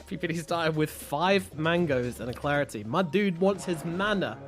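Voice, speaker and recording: Man, play-by-play esports caster, slightly high voice, jokey, spikes loud on big plays, faint music bed. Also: normal speed. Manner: excitable, jokey, bursts of loud excitement. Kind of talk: play-by-play commentary.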